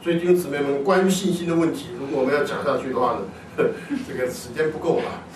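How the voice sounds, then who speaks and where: A man preaching a sermon to a congregation, animated, often asking his listeners questions and answering them himself. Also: a little high, fast talker, noisy background. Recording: echoey hall, distant mic.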